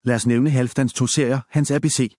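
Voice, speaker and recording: A man with a medium-pitched voice tells stories and quotes in a measured, gently wry way. He sounds like a pastor addressing a congregation. The recording is dry and close, with no room sound. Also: steady tone, no echo. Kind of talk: reflective talk with read-out quotes.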